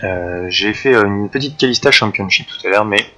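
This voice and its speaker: A man's voice: fairly low pitch, normal speed, pushed and bright, soft background music. A man streaming a video game live, chatting with viewers and his teammate while he plays. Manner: chatty, reacts to chat and game while playing. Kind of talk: live gameplay commentary.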